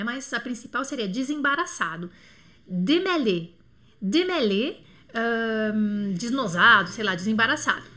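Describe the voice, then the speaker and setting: Brazilian lady teaching french on a live, high bright voice, chatty, stretches words out slow. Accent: Brazilian Portuguese. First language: Portuguese. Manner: chatty, scatterbrained asides, drawn-out slow word demos. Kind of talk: live online lesson answering questions.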